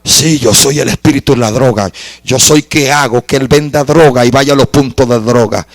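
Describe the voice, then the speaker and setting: A man voicing a gruff male demon spirit with a hoarse, low voice, acted out within a story told from the pulpit. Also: moderate pace, dry recording, lightly acted. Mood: menacing.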